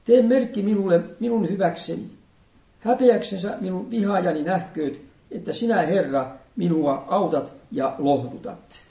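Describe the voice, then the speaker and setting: A man preaching a sermon, reading scripture in a solemn, measured liturgical manner. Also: high voice, creaky, warm tone, far from the mic. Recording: echoey room, voice from off-mic.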